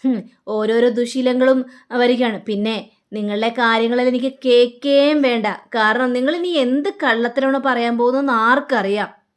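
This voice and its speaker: A woman playing a wounded wife in a retold serial scene, cold and accusing as she turns down an apology. The delivery is measured and fairly high-pitched, close to the storyteller's own voice. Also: smooth, lightly acted. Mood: bitter. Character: bitter wife, refusing to forgive.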